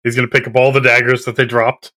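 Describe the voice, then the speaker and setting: Bright-voiced man playing a tabletop game. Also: medium pitch, little pitch movement, quick pace. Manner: casual, swears, laughs often. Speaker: player. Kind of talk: tabletop role-play chat.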